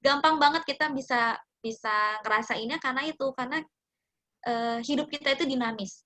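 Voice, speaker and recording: A woman psychology practitioner talking casually to a youth group, animated and acting out quoted speech. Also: sits high, a little fast. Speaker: guest speaker, psychology practitioner.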